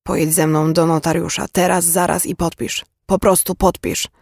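A man reading an audiobook, voicing a remorseful older father in a quiet, measured, earnest way. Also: a little high, little pitch movement, vocal fry, no echo, clean studio sound. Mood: pleading.

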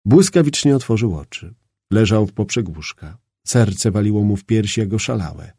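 Gravelly man narrating an audiobook. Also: lowish voice, lively intonation, moderate pace, dark tone, no room sound, clean studio sound. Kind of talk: scripted narration.

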